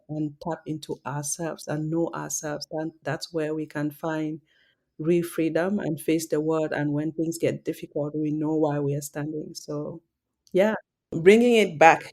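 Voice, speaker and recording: Woman, from Africa, podcast host, monotone, measured, encouraging. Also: low voice. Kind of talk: interview hosting.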